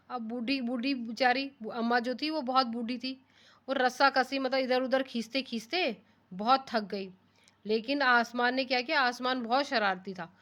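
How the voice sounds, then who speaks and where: Hindi teacher explaining a story to children. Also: female voice, fairly high pitch, a bit bright. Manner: rereads lines slowly then explains them in simpler words; asks the class rhetorical questions. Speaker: primary school teacher.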